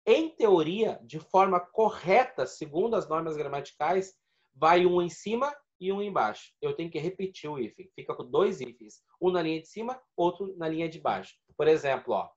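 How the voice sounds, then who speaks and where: Man teaching, raised pitch, patient step-by-step explanation, dull lo-fi sound. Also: animated, moderate pace. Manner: explanatory, repeats points and counts syllables aloud. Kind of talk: video lesson.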